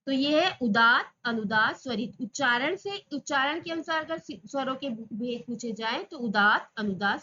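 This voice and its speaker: Teaching an exam-prep class, a woman with a bright, high voice asks questions and then answers them herself. She drawls the example sounds slowly, and the recording is a bit dull and lo-fi.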